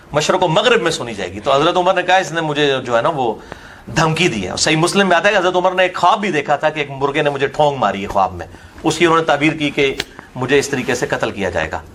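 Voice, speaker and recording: A man's voice: fairly high pitch, a bit bright, slight background noise. A man with a Punjabi accent giving a combative religious lecture, mocking his opponent and putting questions straight to his listener. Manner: combative, mocking, drifts between Urdu and Punjabi. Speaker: religious speaker.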